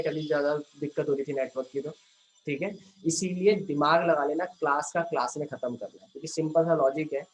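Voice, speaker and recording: A young man teaching a recorded online science class, stressing key words slowly and often asking students whether they understood. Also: fairly high pitch. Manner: emphatic, drawn-out key words. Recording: echoey room.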